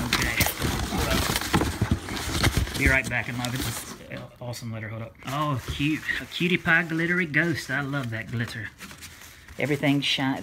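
A man talks loosely to his camera at home, rambling, cursing and perking up with delight as he opens things. Loud crinkling paper and clicks sit clearly behind his voice. His pitch sits in an ordinary middle range. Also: noisy background. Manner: rambling, swears freely, excitable. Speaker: vlogger unboxing a gift. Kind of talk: casual unboxing chat. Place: home room.

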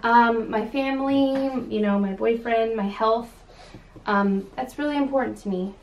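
A woman's voice: fairly high pitch, unhurried, far from the mic, dull audio. A young woman from California chatting casually on her channel, sassy and full of ums. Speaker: vlogger. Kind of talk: casual chat. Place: home room. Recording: echoey room with faint background hiss.

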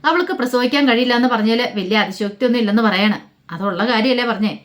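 A woman voicing a sly, scheming young sister-in-law in a told story, speaking quickly. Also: fairly high pitch, a bit bright, natural voice.

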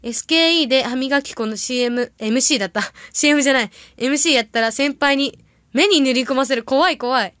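A young woman with a bright, high voice chats casually to her livestream audience. She rambles through stories and reacts quickly to comments. The sound is dry, with no room echo. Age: young adult. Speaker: idol audition candidate livestreaming. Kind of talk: casual livestream chat reading viewer comments.

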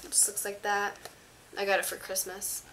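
Her delivery is completely flat at normal speed, with a medium pitch and a fairly bright tone, and the audio is poor with slight background noise. The speaker is a stuffy, under-the-weather teenage vlogger casually rambling through a product show-and-tell for a camera on a stand in her small bedroom.

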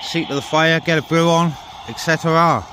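An outdoor CB radio vlogger chats casually and informally to his viewers while handling gear at a wet forest camp, muttering asides as he goes. His voice is on the high side at a moderate pace, and the outdoor camera catches clear background noise.

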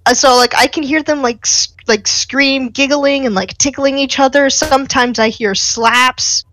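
A young woman with a slightly high voice chats casually on a podcast. She tells rambling stories full of fillers. She teases her co-hosts. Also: steady tone, normal speed, a bit bright, a little hiss or hum, low-quality recording. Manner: chatty storyteller, teasing, lots of fillers. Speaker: podcast co-host. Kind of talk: casual chat.

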